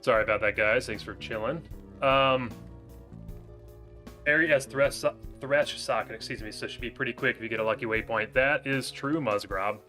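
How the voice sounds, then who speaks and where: A man's voice: medium pitch, normal speed, soft background music. A man streaming a game live, chatting casually with his viewers through a headset mic. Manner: relaxed, talks to viewers by name. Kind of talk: casual livestream gameplay chat.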